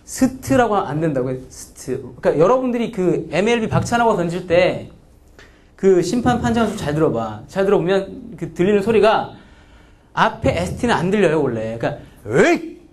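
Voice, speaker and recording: A man lectures on English grammar with a high voice that leaps up and down. He keeps asking the class questions and sounds out example words syllable by syllable. He slides between casual and polite speech. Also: fairly quick. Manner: lively, asks students frequent questions; acts out pronunciations.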